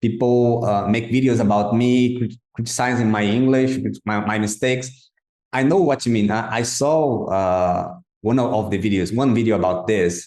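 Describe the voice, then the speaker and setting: A man's voice: mid-range voice, fairly quick, a little mellow. A male podcast host from Brazil, a native Portuguese speaker, with a Brazilian accent, talking in a hesitant way and repeating words as he looks for the phrasing. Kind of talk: casual interview. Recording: roomy echo.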